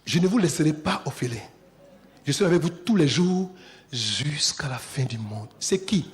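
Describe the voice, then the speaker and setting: A male pastor preaching a sermon in a church, swinging from hushed, intimate lines to shouted climaxes and driving repeated refrains. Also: on the high side, expressive, moderate pace. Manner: call-and-response repetition.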